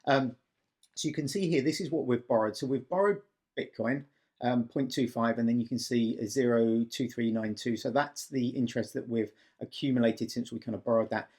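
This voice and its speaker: A man's voice: mid-range voice, brisk, a little mellow, breathy edge. A man giving a casual, step-by-step screen-recording walkthrough in an explanatory manner as a tutorial presenter.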